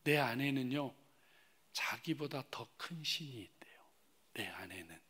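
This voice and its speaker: A male pastor delivers a testimony sermon in a church sanctuary, speaking at an ordinary middle pitch. His delivery swings from loud, pressing rises down to breathy whispered asides. He keeps turning to the congregation with direct questions. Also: expressive, unhurried. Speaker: guest pastor.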